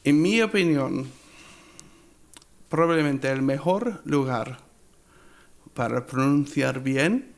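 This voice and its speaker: A man from England whose first language is English, speaking with an English accent as an interview guest, halting and slipping English words into his talk. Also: medium pitch, animated, creaky. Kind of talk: casual interview chat.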